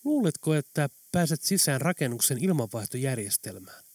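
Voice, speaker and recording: A man's voice: medium pitch, sing-song, darkish tone, no echo. A man voicing a scheming male antiques dealer who talks in a wry, conspiratorial way. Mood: urgent.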